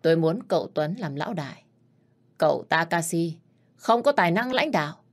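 A woman's voice: low voice, expressive, normal speed. A woman reading a resolute scarred henchman. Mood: firm. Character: loyal scarred male henchman.

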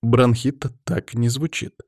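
A man reading an audiobook, voicing a caring, teasing woman who speaks softly and tenderly to her partner. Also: medium pitch, steady tone, slow, no room sound, clean studio sound, voice pushed up. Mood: worried.

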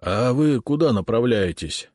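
A man's voice: mid-range voice, expressive, unhurried, darkish tone, no echo, studio quality, voice pushed up. A man doing a folksy wounded Cossack sergeant. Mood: plaintive. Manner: folksy, plaintive, dialect-heavy speech.

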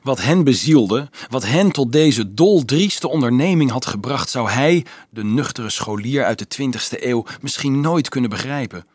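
A man reading a novel aloud as an audiobook narrator, expressive and shifting his voice for the characters. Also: medium pitch, measured pace, slightly rough, no room sound.

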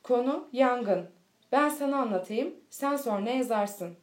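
A woman voicing a calm, proud father who gently lectures his young son, with little change from her own voice. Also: on the high side, a little slow. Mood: earnest. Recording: echoey room.

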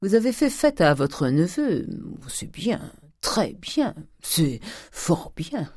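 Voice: mid-range voice, sing-song, slow pace, a little mellow, no echo, clean studio sound, pitched above the performer's own voice. A reader voicing a stern, miserly old man who speaks curtly and commands. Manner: curt, controlled, commanding.

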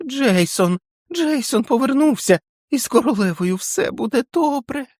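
Old depot keeper, hysterical, trembling, shrill high voice, strange strained tone, sobbing, dry close recording. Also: male voice, animated, normal speed, darkish tone, no room sound. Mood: ecstatic, sobbing. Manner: shrieking, sobbing, frantic. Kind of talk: audiobook character voice.

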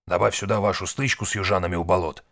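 A man's voice: sits low, steady tone, fast talker, a bit bright, no echo, clean studio sound. A man voicing a shrewd, weary old man who speaks grimly and curtly. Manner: grim, curt.

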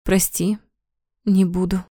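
An outspoken, emotional young woman in an audiobook, voiced by the woman reader, blunt and quick to curse. The voice is warm and low-key in tone, and the recording is close and dry. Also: level tone, no echo. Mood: hesitant. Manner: outspoken, swears when upset.

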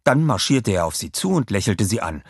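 A man reading a children's audiobook aloud with expressive storytelling narration. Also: fairly low pitch, brisk, slightly rough, dry recording, clean studio sound.

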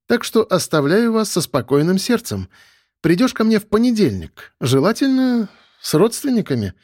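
A man's voice: sits high, big pitch swings, darkish tone, no echo, clean studio sound, voice pushed up. Man voicing a stern woman police major. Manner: brisk, commanding, mocking.

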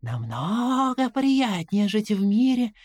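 A woman voicing a dead, whispering old man made of rats, slow and coaxing in an audiobook. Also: mid-range voice, very animated, darkish tone, no room sound, clean studio sound. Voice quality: breathy whisper. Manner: slow, wheedling, tempting. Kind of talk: audiobook character voice.

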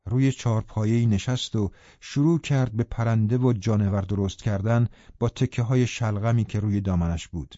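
Man narrating an audiobook, calm and even, mellow dark voice, dry kinda dull lo-fi sound. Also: on the low side, no echo. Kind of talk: scripted narration.

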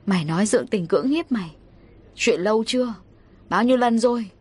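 A woman's voice: mid-range voice, lively intonation, a little fast, a little mellow, slightly rough. A woman voicing a short-tempered middle-aged mother who scolds sharply and impatiently. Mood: stunned.

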